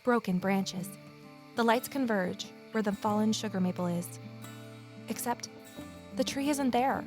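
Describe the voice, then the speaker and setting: An actress voices a guarded, lonely amateur sleuth narrating her own mystery in the introspective manner of an audio drama, and the mood is uneasy. Her mid-range, natural voice moves at a measured pace over music.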